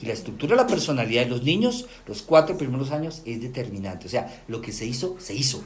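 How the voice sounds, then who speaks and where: A middle-aged man with a Colombian accent giving a lively talk to an audience, often checking in with rhetorical questions. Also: medium pitch, fast. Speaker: lecturer.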